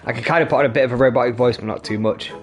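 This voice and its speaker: A man's voice: medium pitch, racing, soft background music. A man streaming a video game, casually commenting in a joking, crude, offhand way. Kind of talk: casual commentary while playing.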